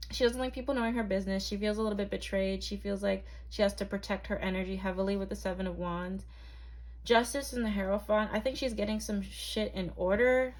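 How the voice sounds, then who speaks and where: Young woman, tarot reader, casual, rambling, filler-heavy. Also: medium pitch. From Barbados. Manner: chatty, hesitant, lots of ums and likes. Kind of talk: casual tarot reading to camera.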